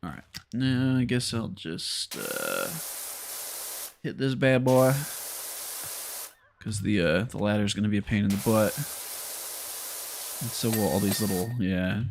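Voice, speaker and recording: A man's voice: lowish voice, very animated, unhurried, vocal fry, pauses often, slight background noise. A man streaming a game, chatting casually and muttering to himself as he plays. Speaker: gaming livestreamer. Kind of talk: casual gameplay commentary.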